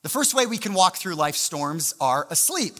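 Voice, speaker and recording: A man's voice: sits high, sing-song, moderate pace, pushed and bright. A man preaching a sermon as pastor, telling stories animatedly and asking the audience rhetorical questions. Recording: long hall reverb.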